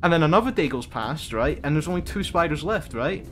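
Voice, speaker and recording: A man's voice: a little high, lively intonation, a little fast, a bit bright, soft background music. A young man streamer in casual, rambling chat who often stops and restarts his words.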